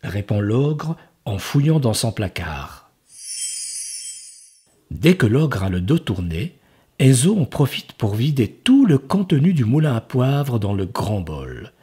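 A man reading a children's picture book aloud as storyteller, expressive and unhurried. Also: mid-range voice, breathy edge.

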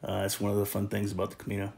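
A man hosting a travel vlog, talking outdoors into a handheld camera in a relaxed, halting way with many fillers. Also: fairly low pitch, creaky. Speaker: vlog host. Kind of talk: casual travel vlog narration.

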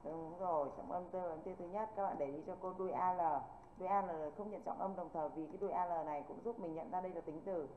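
A woman's voice: on the low side, fairly even intonation, fast, slight background noise. A woman English teacher, patiently walking students through an online exam review and often checking that they follow. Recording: tinny phone-like online call audio.

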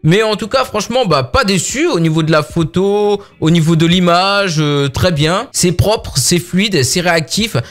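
A man's voice: high voice, moderate pace, few pauses, fairly bright tone. A man casually reviewing a budget phone, talking in a chatty way full of fillers. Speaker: tech reviewer.

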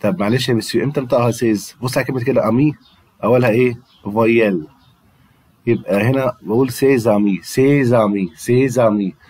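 A man's voice: medium pitch, quick pace, darkish tone, breathy edge. A man with an Egyptian Arabic accent, teaching a French grammar lesson to students and patiently repeating words for them to drill. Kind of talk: classroom-style grammar lesson.

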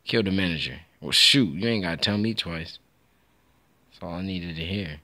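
A young man giving casual, excitable gameplay commentary, trash-talking and laughing as he plays. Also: low voice, normal speed. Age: young adult. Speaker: gaming YouTuber.

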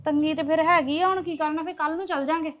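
A woman's voice: high-pitched, fairly even intonation, fast talker, dull audio, slight background noise, lightly acted. A woman playing a reluctant young wife.

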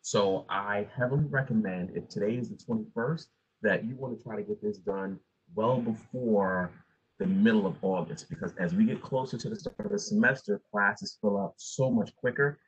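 Speaking at normal speed in a lowish, husky voice, a dean in his forties advises students during a virtual town hall. He restarts often and uses lots of fillers, and the earbud audio from his home office sounds dull and muffled.

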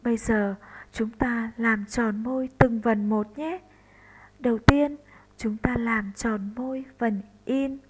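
Woman teacher, very slow deliberate delivery, slightly high voice, spells out sounds for first graders. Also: fairly even intonation, breathy edge, low-quality recording. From northern Vietnam. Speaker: primary school teacher. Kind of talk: slow recorded classroom lesson for first graders.

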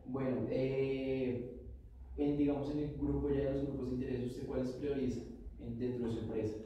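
A young man asks interview questions hesitantly, hedging with fillers as he goes. His voice is very dark and mellow. Captured by a distant camera, he sounds far off with strong echo from the hard room around him. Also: medium pitch, level tone, quick pace, slight background noise. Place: large office meeting room.

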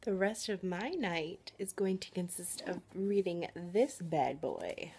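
A woman's voice: on the low side, takes it slowly, a little hiss or hum. A young woman chatting casually to a phone at arm's length in her living room, talking about her evening. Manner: chatty, relaxed, speaks softly to camera. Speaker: family vlogger. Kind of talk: casual home vlog. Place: living room at home, indoors.

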